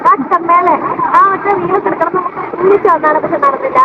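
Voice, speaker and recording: Very high-pitched woman mixing in English. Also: quick pace, narrow, tinny audio, over a noisy crowd. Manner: mixes English words into Malayalam. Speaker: vlogger. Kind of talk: casual outdoor travel vlog chat. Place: outdoors at a rainy waterfall. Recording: background noise of rain outdoors.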